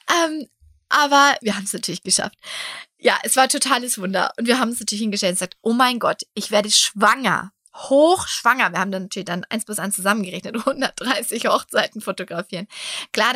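A woman in her forties, hosting a podcast and telling a personal story in a chatty way, often dropping into hushed near-whispers. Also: medium pitch, no room sound, studio quality. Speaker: podcast host.

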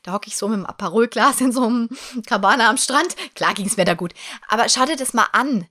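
A woman in her forties hosting a podcast, talking straight to the listener in a personal motivational monologue, animated and encouraging. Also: a little high, fairly quick. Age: 40s. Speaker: podcast host.

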